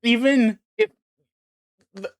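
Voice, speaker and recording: A man's voice: very high voice, very animated, takes it slowly, clean tone, no echo, studio quality. A man hosting a livestream, chatting casually and ranting with emphatic, profane complaints into a desk mic. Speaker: livestream host. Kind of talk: casual chat.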